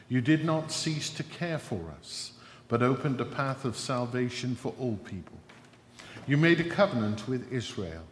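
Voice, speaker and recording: A man presiding at a church service, reading the liturgy in a measured, solemn way, his voice ringing with cathedral echo. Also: medium pitch. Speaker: presiding minister. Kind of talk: leading a liturgical prayer. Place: large church. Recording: echoey church hall, faint noise.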